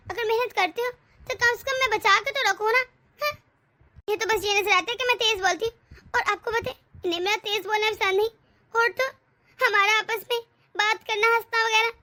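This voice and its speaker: Lady doing a sharp-tongued bahu in a cartoon, high bright voice, scolding and snippy. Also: a little fast. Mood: complaining. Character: young wife, sharp-tongued and scheming. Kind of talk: animated family drama dub.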